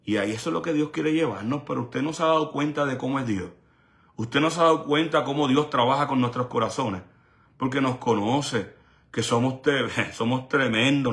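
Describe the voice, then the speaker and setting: A man's voice: mid-range voice, a bit bright. A male evangelist delivering a sermon with an emphatic, repetitive preaching cadence.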